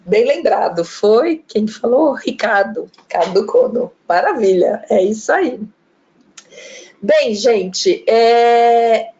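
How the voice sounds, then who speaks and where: A woman's voice: medium pitch, a little mellow, muffled recording. A woman giving a chatty live online talk, demonstrating different pronunciations. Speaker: lecturer on pronunciation. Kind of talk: live online talk, reading viewer comments.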